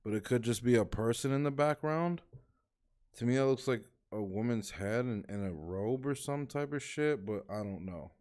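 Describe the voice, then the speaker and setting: A man's voice: medium pitch, expressive, normal speed, darkish tone. A man streaming and reacting to videos, chatting casually, swearing freely and thinking aloud. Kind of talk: casual live-stream commentary.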